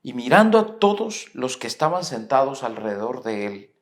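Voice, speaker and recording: Un pastor colombiano predica un sermón con acento colombiano, con calma, haciendo preguntas retóricas y leyendo las Escrituras en voz alta. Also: male voice, mid-range voice. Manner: measured preaching with rhetorical questions, reads scripture aloud. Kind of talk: sermon. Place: church. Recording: echoey church hall.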